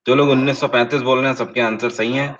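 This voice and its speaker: This is a male exam-prep teacher leading a live quiz online, his voice steady, fairly bright and set at a middle pitch. He slowly reads each question in English, explains in Hindi with growing emphasis, and talks straight to viewers to ask for and confirm answers. The sound quality is slightly dull and lo-fi.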